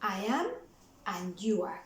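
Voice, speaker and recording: A woman's voice: mid-range voice, big pitch swings, takes it slowly. A woman teaching a language lesson, explaining patiently step by step. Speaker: Spanish tutor. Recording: roomy echo.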